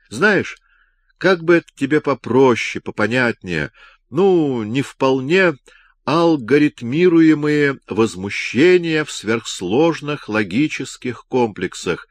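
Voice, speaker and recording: A man voicing an exuberant young male scientist who teases and talks loudly in an audiobook reading. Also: medium pitch, lively intonation, slow pace, dry recording, pitched above the performer's own voice. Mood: mocking. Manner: giddy, teasing, loud.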